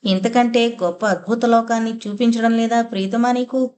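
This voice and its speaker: A woman's voice: fairly high pitch, steady tone, normal speed, darkish tone, close to an everyday voice. A woman voicing a seductive female spirit in a suspense audiobook, speaking in a teasing, possessive near-whisper. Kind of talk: audiobook character voice.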